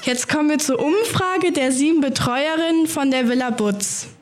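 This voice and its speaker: A woman with a high voice leads a friendly interview, asking short, polite questions. Her delivery is simple and tidy. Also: normal speed, a little hiss or hum.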